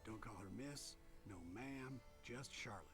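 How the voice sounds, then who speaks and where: A man's voice: medium pitch, unhurried, music in the background, lightly acted. An actor voicing a friendly, easygoing food delivery man in a video game, chatty and folksy. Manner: chatty, folksy, giving warnings.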